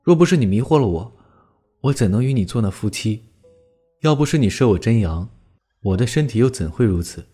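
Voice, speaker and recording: A man's voice: fairly low pitch, lively intonation, a little fast, mellow, husky, soft background music. A man playing an indignant young monk. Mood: furious. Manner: angry, scolding. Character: young male Buddhist monk, frightened and indignant.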